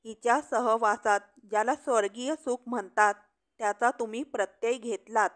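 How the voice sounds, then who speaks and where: A woman's voice: a little high, natural voice. A woman reading the part of an elderly male schoolteacher who speaks solemnly and earnestly. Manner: solemn, pleading speech. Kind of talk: storybook reading.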